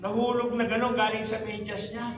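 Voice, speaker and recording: A man from the Philippines shares his testimony before a church, telling it earnestly and voicing the people in his story. His voice sits high yet stays fairly level in pitch. He is heard from a distance, with the long reverb of a large hall around him. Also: flat delivery, a little fast, noisy background. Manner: earnest storytelling, acts out past dialogue. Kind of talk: testimony sermon. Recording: echoey hall from far off.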